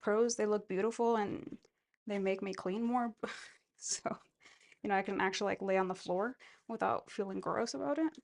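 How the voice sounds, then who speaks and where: A woman's voice: mid-range voice, normal speed. A woman vlogging casually while she does chores, thinking aloud in a rambling way. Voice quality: gravelly vocal fry. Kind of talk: casual, rambling self-filmed chat while cleaning.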